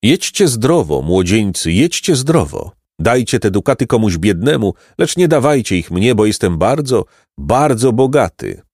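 A man voicing a kindly, wise hermit over a hundred years old, speaking gently and with a chuckle, in a storybook reading. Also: lowish voice, big pitch swings, measured pace, few pauses, no room sound, studio quality, pitched above the performer's own voice, heavily acted. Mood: gentle. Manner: gentle, sweet-voiced, chuckling. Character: kindly ancient male hermit, wise and merry.

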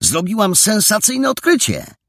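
A man voicing an excitable, bossy young girl detective in a storybook, with emphatic, impatient delivery. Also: medium pitch, unhurried, gravelly, husky, dry recording, studio quality, voice pushed up, full character voice. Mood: excited, bossy. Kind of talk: audiobook character voice.

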